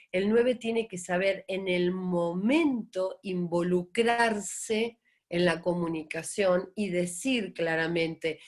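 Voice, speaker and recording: Animated Argentine woman teaching. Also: medium pitch. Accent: Argentine Spanish. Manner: animated, acts out quoted voices, asks rhetorical questions. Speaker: Enneagram teacher. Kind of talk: live-streamed talk to viewers.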